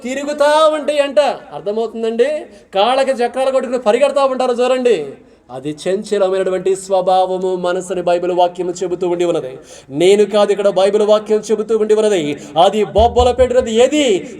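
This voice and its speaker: A high-pitched male preacher, leading an interactive sermon. He keeps throwing questions at the congregation and pressing them to answer loudly. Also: brisk. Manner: calls out questions and urges listeners to answer aloud.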